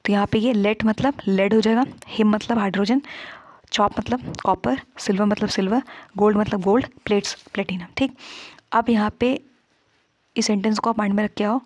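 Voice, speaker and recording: Woman teacher, breathy, dry close mic, patient step-by-step exam-prep explainer. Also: mid-range voice, steady tone, normal speed, darkish tone, no room sound. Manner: explains step by step, checks in with "theek" often. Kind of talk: exam-prep lesson solving past papers.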